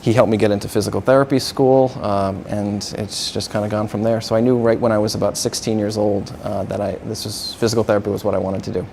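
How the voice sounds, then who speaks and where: A man in his thirties from the New York area, a physical therapist answering interview questions in a halting way, with lots of fillers. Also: lowish voice, level tone, creaky, a little mellow, a little hiss or hum. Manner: halting, many uh fillers, agreeable.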